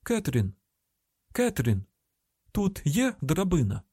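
A tense young woman FBI agent barks urgent orders in a high, strained voice, as a male audiobook narrator puts her on. She speaks with a Ukrainian accent, and the recording is dry and close. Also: huge pitch swings, slow pace, husky, dry recording, exaggerated voice. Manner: urgent shouted commands. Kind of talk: audiobook character voicing.

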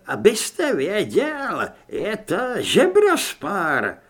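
A man's voice: sits high, wildly swooping pitch, a bit bright, pitched above the performer's own voice, full character voice. A man voicing a frail, flustered old priest with a shaky voice in an audiobook.

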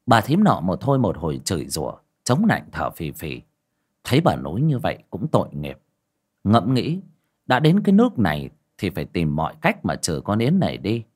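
Husky, expressive male horror storyteller. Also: low voice, moderate pace. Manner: expressive, dramatic. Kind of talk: scripted horror story narration.

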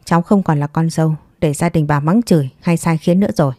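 A woman voicing a composed, divorced young mother who speaks calmly and firmly, weighing each word. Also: low voice, no echo, studio quality. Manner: calm, measured, clipped.

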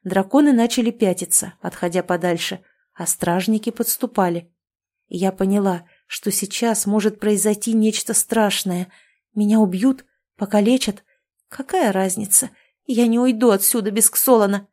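A woman narrating a first-person fantasy story in a steady, even storytelling voice. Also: mid-range voice, moderate pace. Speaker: audiobook narrator.

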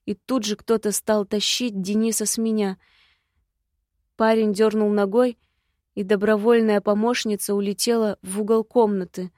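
A woman's voice: mid-range voice, level tone, moderate pace, mellow, dry recording, clean studio sound. Woman reading an audiobook evenly. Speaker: audiobook narrator. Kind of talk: scripted narration.

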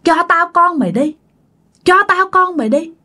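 A woman's voice: extremely high pitch, expressive, normal speed, pushed and bright, pitched above the performer's own voice, full character voice. A woman voicing a toothless old female ghost who grins and taunts, repeating her demands. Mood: taunting.

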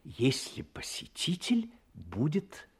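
Earnest gentleman doctor, detective's companion, radio drama, formal diction, expressive pitch, slightly raspy. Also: slow pace, full character voice. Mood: reading aloud. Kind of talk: Russian radio play acting.

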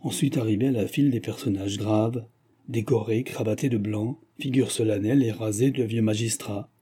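A man narrating a classic novel as an audiobook in a measured, even manner. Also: fairly low pitch, breathy edge. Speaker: audiobook reader.

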